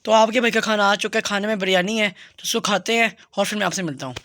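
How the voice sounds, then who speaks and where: High-voiced man telling a story fast. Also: heavy background noise. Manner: earnest, fast storytelling with direct address to viewers. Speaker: vlogger. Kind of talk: retelling a religious story in a vlog.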